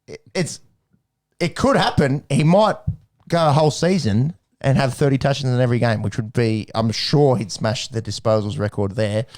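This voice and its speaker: On a casual sports podcast, a male co-host rambles along, restarting his sentences, cracking jokes and laughing often. His mid-range voice comes at a normal speed and has a slightly mellow quality.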